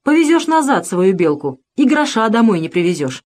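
A woman's voice: medium pitch, sing-song, normal speed, darkish tone, voice pushed up. Lady doing a picky grumbly clerk guy, cold and haughty, swoopy voice. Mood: grumbling. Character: nitpicking, callous male shop clerk.

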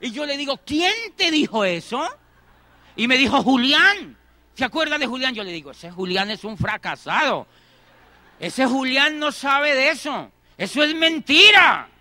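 Man, middle-aged, motivational speaker; very high, brassy voice, dry close sound, repeats lines for emphasis. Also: expressive, a little slow, pushed and bright, no room sound. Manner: repeats phrases for emphasis, acts out dialogue. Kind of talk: motivational talk with acted anecdotes.

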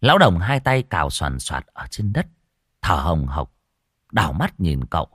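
A man narrating an audiobook story in an expressive storytelling manner. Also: low voice, moderate pace, slightly rough, no room sound, clean studio sound.

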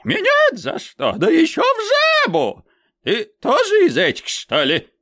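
A woman voicing a nosy, easily frightened bald old man in a storybook, with shrill, drawn-out exclamations. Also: huge pitch swings, fairly bright tone, dry recording, studio quality, heavily acted. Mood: bewildered. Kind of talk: storybook character voice.

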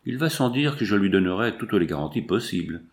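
A man's voice: on the low side, very animated, a little fast. A man voicing a portly, self-satisfied businessman who talks in an unctuous, pompous way. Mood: smug. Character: smug, portly male banker-saloon owner, self-satisfied.

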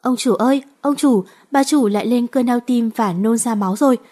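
A woman's voice: on the high side, moderate pace, mellow, lightly acted. A woman reading aloud and voicing a panicked housemaid calling out urgently. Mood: alarmed.

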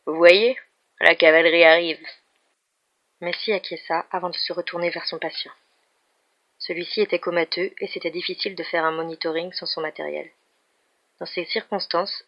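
Female novel reader, steady, monotone and gravelly delivery, dull lo-fi recording. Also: on the low side. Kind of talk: audiobook reading of a novel.

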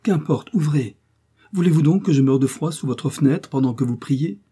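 A man doing a young woman, teasing, pleading, raised, breathy tone. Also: on the high side, normal speed, mellow, voice pushed up. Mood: coaxing. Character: charming young woman, playful temptress.

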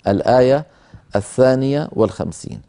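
A male recitation teacher hosting a televised lesson, with a mellow, warm voice. He explains in a measured way and stops to model the recitation slowly. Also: mid-range voice, lively intonation, gravelly. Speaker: Quran recitation teacher, program host.

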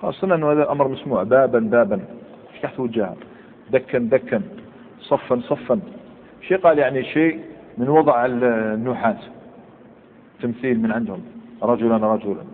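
A man's voice: medium pitch, a little fast, pauses often. A man gives a classroom grammar lesson, moving through each point step by step and firing short questions at his students. He is heard over a thin, phone-like line, and his voice rings with the long reverb of a lecture hall. A faint hiss runs underneath. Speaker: Arabic grammar teacher.

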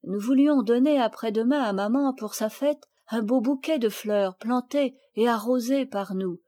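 Femme lisant une fillette douce et raisonnable. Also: female voice, fairly high pitch, normal speed, lightly acted. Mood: gentle, reproachful. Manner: gentle, gravely reproachful. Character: kind, sensible older sister girl.

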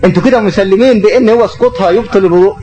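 A man's voice: high-pitched, very fast, mellow, slight background noise, low-quality recording. A middle-aged man with an Egyptian Arabic accent, teaching an Islamic lesson and taking questions, explaining through rhetorical questions.

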